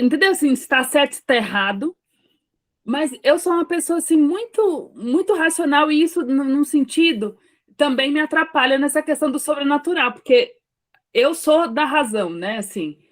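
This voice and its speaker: A woman with a Brazilian Portuguese accent talks casually on a faith panel. Her voice is fairly high, and she rambles, stumbling over restarts as she questions her own views.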